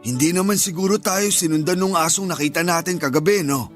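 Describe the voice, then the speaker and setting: Man acting high-pitched, superstitious, nagging uncle. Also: a little fast, faint music behind, close to an everyday voice. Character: superstitious, bossy, uneasy older uncle. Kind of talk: Tagalog radio drama acting.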